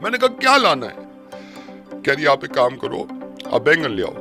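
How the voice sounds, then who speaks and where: A man making a prank phone call, complaining about his in-laws and then arguing loudly. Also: on the high side, sing-song, moderate pace, music in the background. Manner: complaining, then shouting argumentatively. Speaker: radio prank caller.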